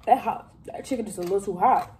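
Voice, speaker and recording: A vlogger, a woman in her thirties, eats on camera for a mukbang and chats informally with viewers, punctuating bites with long, drawn-out exclamations. She has a mid-range, somewhat dark voice, and a little hiss or hum runs underneath.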